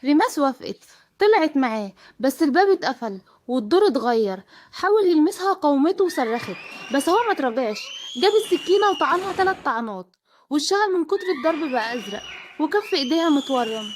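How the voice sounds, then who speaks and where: A woman's voice: high-pitched, sing-song, fast talker, slight background noise. A woman with an Egyptian Arabic accent giving grave, dramatic scripted true-crime narration.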